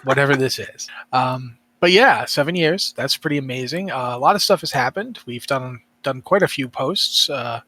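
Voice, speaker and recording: A man's voice: medium pitch, lively intonation, moderate pace, hardly any pauses, sharp tone, no echo. A man hosting a casual podcast, rambling and interrupting himself with a wry streak. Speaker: podcast host.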